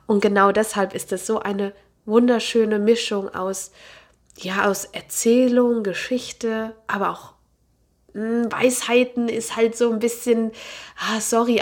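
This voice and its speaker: A woman reading aloud from a novel and then chatting casually about the book, with many fillers and restarts. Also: a little high. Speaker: book reviewer.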